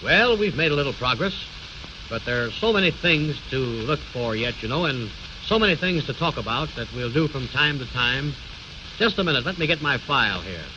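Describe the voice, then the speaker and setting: An actor playing a calm, courteous lawyer with precise, formal diction in an old radio comedy. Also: male voice, medium pitch, normal speed, lightly acted. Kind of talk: 1930s-40s radio comedy acting. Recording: muffled, noisy old radio recording.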